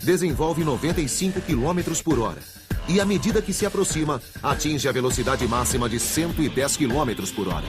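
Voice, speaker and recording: A man's voice: fairly high pitch, expressive, brisk. A man with a Brazilian accent reading scripted, dramatic documentary narration. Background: music bed.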